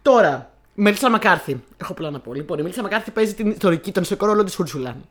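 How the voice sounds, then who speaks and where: A woman's voice: mid-range voice, animated. A young woman co-hosting a casual film chat, talking in a chatty, hesitant way with many fillers. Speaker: co-host.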